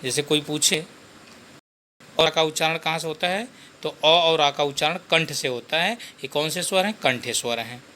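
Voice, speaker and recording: A man gives a grammar lesson in a slightly high voice. He goes step by step, repeats every term, and asks questions that he then answers himself. A faint background hum sits under the recording. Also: bright, forceful tone. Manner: slow, repetitive, asks and answers his own questions. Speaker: Hindi grammar teacher. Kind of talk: classroom-style grammar lesson.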